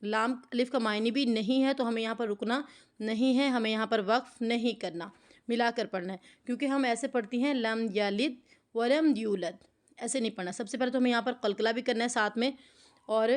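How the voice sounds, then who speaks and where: A woman teaching Quran recitation in an online lesson, patiently explaining each rule and then reciting phrases slowly for her students to repeat. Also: a little high, fairly even intonation.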